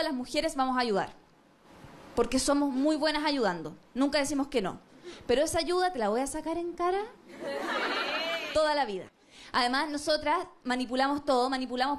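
A woman with a Chilean accent performing a stand-up comedy monologue, acting out both sides of a couple in lively storytelling. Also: sits high. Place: comedy stage with a live audience.

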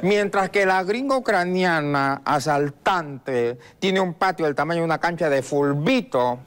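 A man's voice: lively intonation, measured pace, fairly bright tone, smooth. A man doing a whiny, dim politician's son. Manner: whiny, high-pitched, sighing "ay". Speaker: comedian. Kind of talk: sketch comedy impression.

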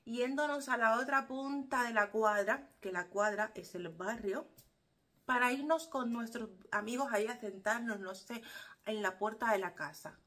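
A woman's voice: on the high side, moderate pace, a bit bright. A Cuban woman vlogging casually to her viewers, explaining things expressively and acting out quotes. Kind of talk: casual talk to camera.

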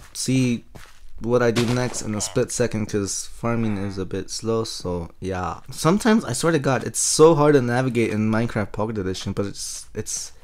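A young man giving casual let's-play commentary over his own gameplay, excitable and quick to laugh. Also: fairly low pitch. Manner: excitable, laughs often, shrieks at surprises. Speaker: gaming channel host.

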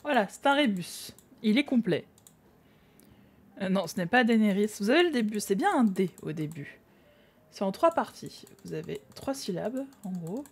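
A woman's voice: medium pitch, lively intonation, normal speed, slightly rough. Chatty young French-speaking woman streamer. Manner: chatty, laughs often, mutters to herself while drawing. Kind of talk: casual live-stream chat while drawing.

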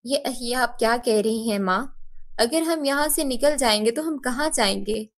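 Woman voicing a soft, pleading young girl. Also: a little high, moderate pace. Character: gentle, tearful young girl, elder sister.

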